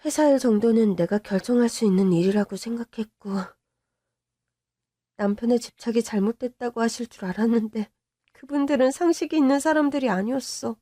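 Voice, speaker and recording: A young woman playing a newlywed daughter who quietly and resignedly tells her mother what she went through, in a Korean-style radio-drama story reading. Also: fairly high pitch, brisk, no echo, lightly acted. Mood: hurt, resigned. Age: young adult. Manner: quiet, resigned confessional telling. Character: young wife confiding to her mother, hurt and subdued.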